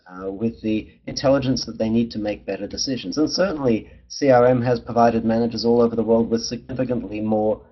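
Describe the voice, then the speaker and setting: Husky, low-voiced man presenting a webinar. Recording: dull lo-fi webinar audio.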